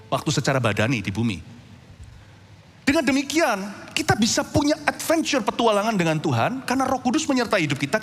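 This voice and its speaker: A male pastor preaching a sermon, telling stories in a lively, animated way and acting out voices. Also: high voice. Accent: Indonesian. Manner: animated storytelling preacher, acts out voices and shouts. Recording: long hall reverb with faint music.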